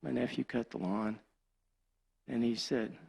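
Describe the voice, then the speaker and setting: Older man, gravelly voice, church testimony, plainspoken country storyteller, emotional. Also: medium pitch, steady tone, a little slow, a little mellow. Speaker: church deacon giving testimony.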